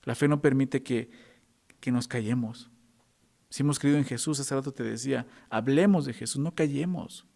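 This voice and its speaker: Male preacher, gravelly voice, mid pitch, presses the point with questions to the church. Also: normal speed, darkish tone. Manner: emphatic preaching, frequent rhetorical questions to the congregation. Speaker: pastor. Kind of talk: sermon.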